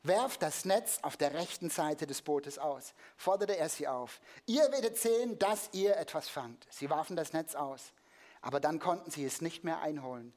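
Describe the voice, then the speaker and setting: A preacher giving a lively sermon in a church, telling a Bible story, joking with the congregation and acting the scene out with a prop. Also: medium pitch, normal speed.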